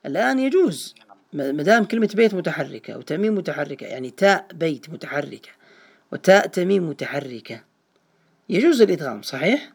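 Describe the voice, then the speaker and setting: A male teacher speaks quickly through a gravelly, creaky voice. He is patient with his students. He keeps asking questions to check that they follow. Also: fairly high pitch, big pitch swings. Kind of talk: teaching a small online class.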